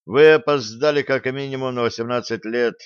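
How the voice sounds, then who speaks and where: A man voicing a gruff, sardonic male starship captain who gives bossy orders, in a dull lo-fi audiobook recording. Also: medium pitch, fairly even intonation, normal speed, no room sound, natural voice. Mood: stern mocking. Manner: bossy, grumbling.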